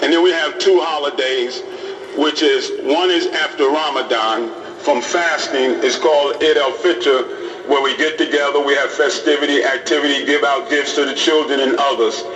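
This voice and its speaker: A man's voice: medium pitch, steady tone, moderate pace, fairly bright tone. A middle-aged man, an imam, speaking in a plain, repetitive way to police recruits. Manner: plain-spoken, repeats phrases for emphasis. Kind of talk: informal talk to police recruits. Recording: roomy hall audio from a distant mic.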